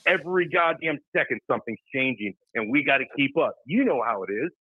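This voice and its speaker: A man's voice: medium pitch, lively intonation, breathy edge, no room sound, narrow, tinny audio. A man appearing as a guest from a battery company on a casual podcast, ranting hotly and swearing freely. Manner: heated, profane, rapid ranting.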